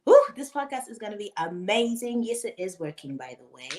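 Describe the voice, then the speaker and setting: A woman in her twenties with a New Zealand accent, co-hosting a live podcast in a bubbly, excited way. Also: mid-range voice, brisk, a crowd in the background. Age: 20s. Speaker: podcast co-host.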